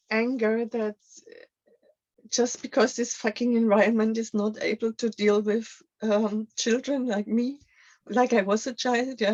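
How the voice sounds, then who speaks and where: A woman sharing her feelings in a group, halting and candid, searching for words. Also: a little high, darkish tone, highs cut off. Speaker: workshop participant. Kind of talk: emotional personal sharing.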